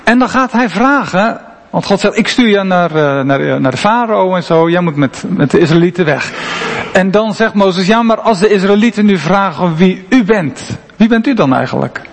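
Male preacher, high voice, conversational and emphatic, long church-hall reverb. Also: animated, moderate pace, a little hiss or hum. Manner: conversational, emphatic preaching with frequent rhetorical questions. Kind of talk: sermon.

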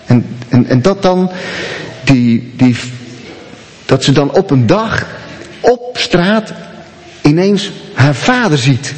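A man's voice: on the high side, animated, slow, pauses often, big-room sound. A man preaching a sermon, telling a story and talking directly to his listeners.

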